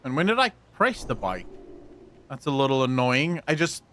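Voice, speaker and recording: A live streamer and video creator gives casual gameplay commentary in a medium-pitched, sing-song voice at a moderate pace, his tone fairly bright. He talks like a frat bro, swearing freely and calling his viewers "boys" and "bro" as if they were his buddies.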